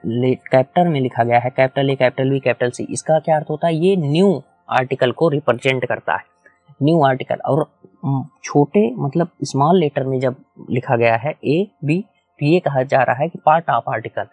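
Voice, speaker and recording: A man's voice: mid-range voice, moderate pace, darkish tone, no room sound, faint music behind. A man teaching a whiteboard lecture, explaining step by step, repeating key points and asking the class questions. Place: small room with a whiteboard.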